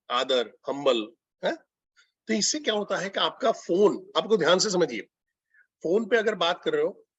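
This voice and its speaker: This business consultant has a high, fairly bright voice with a breathy edge. He gives telecallers a conversational training lecture, switching between Hindi and English and putting questions to the audience. The recording is dry, dull, and lo-fi.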